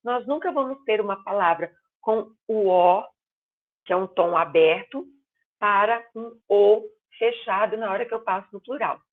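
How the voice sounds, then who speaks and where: A woman teaching a grammar class online, explaining patiently and stressing example words loudly. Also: mid-range voice. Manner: explains slowly, stretching and exaggerating words as examples. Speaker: Portuguese teacher. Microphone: video call. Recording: tinny phone-line sound.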